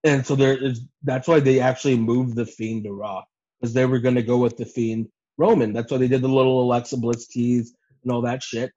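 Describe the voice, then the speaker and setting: A man's voice: mid-range voice, little pitch movement, brisk, mellow. A man co-hosting a podcast, giving a casual recap, swearing freely and acting out quotes. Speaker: podcast co-host. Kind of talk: casual animated recap chat. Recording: dull lo-fi voice recording.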